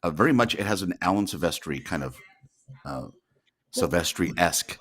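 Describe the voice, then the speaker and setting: A man's voice: deep voice, expressive, moderate pace, fairly bright tone. A man giving casual movie commentary, sharing detailed film trivia with friends.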